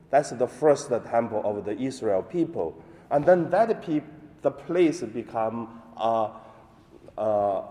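A male priest who is not a native English speaker, reading scripture and preaching in a halting, deliberate way in a large echoing church. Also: medium pitch, warm tone. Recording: echoey hall with long cathedral-like reverb.

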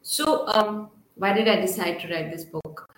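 A woman's voice: medium pitch, unhurried, slight background noise. Middle-aged woman, echoey room. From Srinagar, Kashmir, India. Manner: hesitant, rambling. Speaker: guest author. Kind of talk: conversational interview answers. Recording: roomy, echoing sound.

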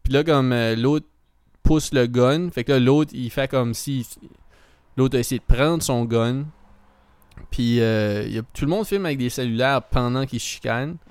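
Rambling Québécois guy, smooth voice. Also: mid-range voice, normal speed, darkish tone, dry recording. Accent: Québécois French. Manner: rambling storytelling, full of fillers, mixes in English words. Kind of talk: casual chat.

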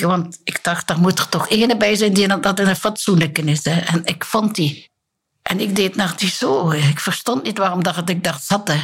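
A woman's voice: on the low side, husky. An older Flemish nun, a former missionary, tells personal memories in an interview, acting out the dialogue as she goes and often tagging her sentences with a little "hè". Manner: vivid retelling with quoted dialogue and frequent tag "hè".

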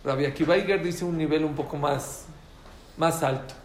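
A man giving an informal, joking talk to a live audience, repeating his key phrases in an animated way. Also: a little high, normal speed, echoey room, a little hiss or hum.

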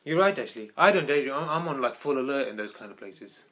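A man's voice: medium pitch, expressive, quick pace, a crowd in the background. A man in casual chat with dry, wry humor.

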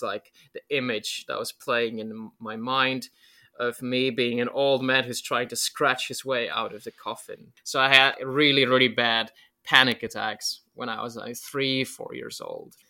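Speaking as a guest in an interview, this man from Poland, a native Polish speaker, has a medium-pitched, sharp-toned voice. He's casual and reflective, rambling along and peppering his speech with many "likes" and other fillers.

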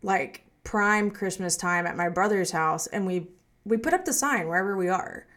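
A woman's voice: medium pitch, moderate pace. Chatty woman podcast co-host. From Southwest Arkansas. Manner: chatty, lots of "like" fillers, animated storytelling. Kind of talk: casual chat.

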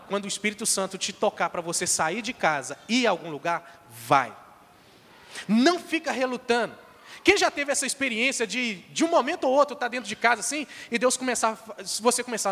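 A man with a Brazilian Portuguese accent and a high-pitched voice shares a testimony from the pulpit. He speaks emphatically, calling on the listeners directly. His voice rings with the long reverb of a large church hall. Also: a bit bright. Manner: emphatic, exhorting the congregation directly. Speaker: missionary giving testimony in church.

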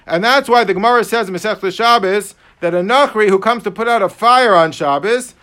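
A high-voiced American man gives a class on religious law as a rabbi. His speech has a yeshiva manner, sprinkled with Yiddish and Hebrew terms. He gets animated, playing both sides of imagined conversations. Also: a little fast. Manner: animated, acting out hypothetical dialogues. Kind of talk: religious law lecture with questions from students.

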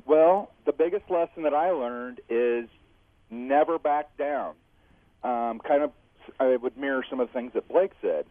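A man's voice: medium pitch, a little slow, dry recording. A man calling in to a radio show over the phone, speaking in a reflective, heartfelt way and chuckling between thoughts. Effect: heard over the phone. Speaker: radio caller. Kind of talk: call-in chat. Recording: tinny dry phone line.

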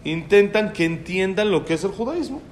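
A man telling a story to a class, animated and acting out the dialogue. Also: high voice, normal speed, a little hiss or hum.

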